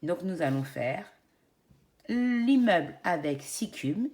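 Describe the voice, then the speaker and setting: A woman presents like a kids show host, with a very lively, singsong melody. She speaks slowly and instructively, guiding young children step by step with encouragement. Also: on the low side. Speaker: teacher presenting a children's counting game. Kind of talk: educational demonstration addressed to young children.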